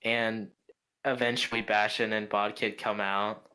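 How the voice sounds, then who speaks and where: A man's voice: lowish voice, level tone, unhurried, pushed and bright, poor audio. A young man narrating as game master, describing scenes in a meandering way full of fillers like "like" and "kinda".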